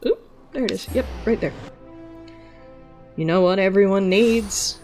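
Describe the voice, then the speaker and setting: A woman's voice: mid-range voice, a little slow, soft background music. Woman muttering over a game stream. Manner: casual, swearing, quiet muttering. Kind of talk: casual gameplay commentary.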